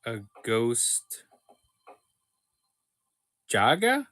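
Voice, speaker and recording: A man's voice: mid-range voice, wildly swooping pitch, extremely slow, fairly bright tone. A man hosting a live toy sale stream, chatting casually with viewers, joking and laughing often.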